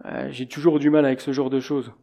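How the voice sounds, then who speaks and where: A man's voice: mid-range voice, little pitch movement, fast talker, warm tone. A middle-aged man preaching a sermon in a conversational way, illustrating his points with anecdotes.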